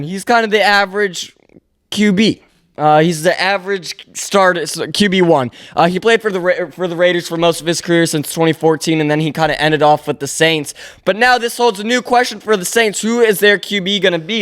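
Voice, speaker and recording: A young man with a high, smooth, clear voice runs through sports news on his podcast. He rambles and stays opinionated, often circling back to correct himself mid-thought. Casual solo commentary. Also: a bit bright. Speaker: podcast host.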